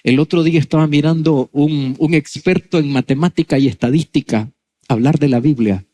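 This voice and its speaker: A male pastor giving a sermon, telling a story with lively acted-out dialogue. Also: a little high, normal speed. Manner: animated storytelling, acts out dialogue.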